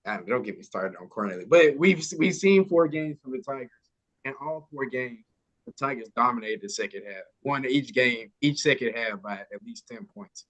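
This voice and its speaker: A man's voice: mid-range voice, expressive, moderate pace, fairly bright tone, low-quality recording. A man co-hosting a casual sports podcast, slangy and stumbling through restarts, calling people "bro.".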